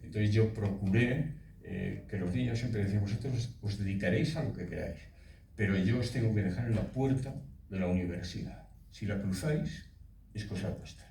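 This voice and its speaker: A man in his eighties, a voice actor telling stories at a festival talk in a relaxed way. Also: fairly low pitch, normal speed, gravelly, a little hiss or hum. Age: 80s. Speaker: voice actor guest. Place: festival hall. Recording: echoey hall, speaker far from mic.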